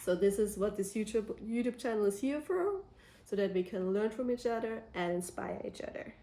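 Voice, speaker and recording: A woman's voice: medium pitch, normal speed, warm tone, echoey room. A young woman from Austria, introducing her vlog channel in an earnest, enthusiastic way. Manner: earnest, enthusiastic, list-like delivery. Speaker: content creator.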